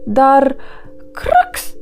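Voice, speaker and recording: A woman voicing a serious, proud female crow in a storybook, fussy and superior, croaking now and then. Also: fairly high pitch, big pitch swings, a little mellow, soft background music. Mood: scornful.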